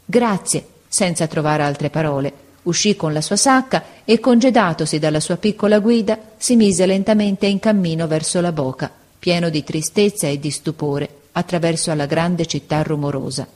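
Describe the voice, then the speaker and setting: Woman narrator, classic tale, measured and expressive, lowish voice.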